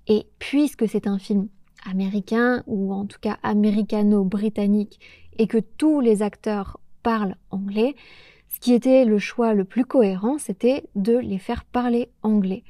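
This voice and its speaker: A young French woman hosting a podcast for learners, talking slowly and carefully with small pauses. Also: mid-range voice, dark tone, no room sound, studio quality. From France. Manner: slow, careful, with pauses and hesitations. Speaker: podcast host teaching French. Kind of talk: clear, measured solo talk for learners.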